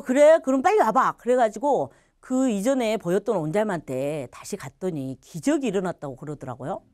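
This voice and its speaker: Animated middle-aged woman telling her testimony. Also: mid-range voice, no echo. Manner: animated storytelling, laughs often, acts out quoted speech. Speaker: former missionary giving testimony. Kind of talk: personal faith testimony.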